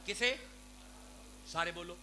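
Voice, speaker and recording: A Pakistani Sufi preacher with a Punjabi accent delivers a devotional sermon to a gathering, his high, sharp voice fervent and pleading as he speaks straight to his listeners. The live recording is noisy and carries a hum.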